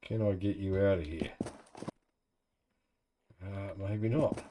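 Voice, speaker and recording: Speaking slowly in a low voice over background noise, a New Zealand man narrates his own let's play, musing aloud in easygoing, colloquial gameplay commentary.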